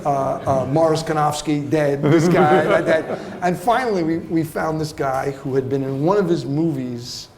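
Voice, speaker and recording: A man, an actor giving a master class, telling anecdotes in an animated, laughing way with many fillers. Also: on the high side, moderate pace, hardly any pauses, a crowd in the background. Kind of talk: anecdotal storytelling interview. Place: festival venue hall. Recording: roomy hall, faint ambience.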